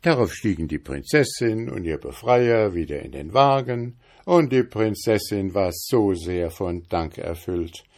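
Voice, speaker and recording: Slow, expressive man reading a fairy tale. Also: low voice. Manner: expressive, unhurried storytelling. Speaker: storyteller. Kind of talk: fairy tale read aloud.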